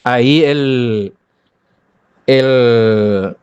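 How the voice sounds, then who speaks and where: A man from Paraguay with a Paraguayan Spanish accent, a pastor giving a Bible commentary and answering listener comments with animated rhetorical questions aimed straight at his listeners. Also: mid-range voice, drawn-out words, clean tone, muffled recording.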